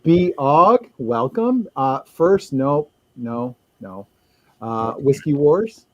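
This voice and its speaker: A man hosting a livestream chat show, talking in a loose, halting way with lots of fillers. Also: medium pitch, lively intonation, dry recording, muffled recording. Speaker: host.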